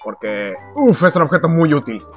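A man's voice: fairly high pitch, sing-song, moderate pace, dull audio, faint music behind. A man giving casual, crude and sarcastic commentary while playing a video game. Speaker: gameplay commentator.

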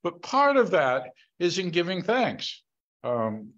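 A man's voice: sits high, huge pitch swings, slow, fairly bright tone, muffled recording. A man joining a conversational Bible study over a video call, earnest and breaking into praise as he talks.

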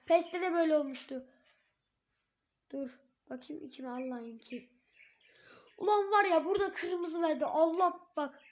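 A hoarse woman giving live gameplay commentary, swearing and yelling at the referee in frustration. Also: high-pitched. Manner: shouts at the referee, curses and rants in frustration. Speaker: gamer. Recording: dull lo-fi recording.

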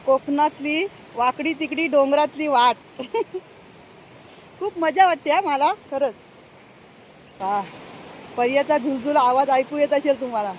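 A woman's voice: high voice, unhurried, long pauses, a little hiss or hum, low-quality recording. An older woman chatting casually to her viewers outdoors on a farm, talking to them often and laughing now and then. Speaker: farm vlogger. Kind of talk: casual vlog chat. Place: outdoors on a rural farm path.

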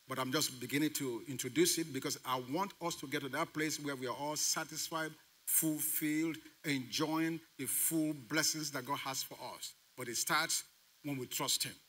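A man's voice: fairly high pitch, normal speed, pushed and bright. A man preaching a sermon as pastor, emphatic, quizzing the congregation and repeating key phrases for emphasis. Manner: emphatic preaching with call-and-response questions to the congregation.

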